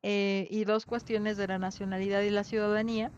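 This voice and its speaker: In a conversational online lecture, a Mexican-accented woman often checks in with her students using tag questions. Her mid-range voice has a darkish, level tone and moves fairly quickly. There's no echo, and the sound is the dull lo-fi audio of an online class.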